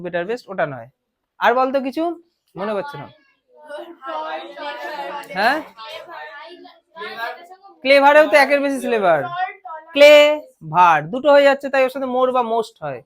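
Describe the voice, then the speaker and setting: Fairly high-voiced woman w/ bengali accent teaching grammar, explains step by step, asks the class lots of questions. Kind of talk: classroom lesson.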